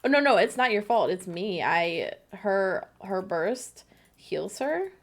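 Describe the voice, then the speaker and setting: This livestreamer's medium-pitched voice swings widely in pitch and moves slowly as she giggles and chats with her co-op partner during casual gameplay.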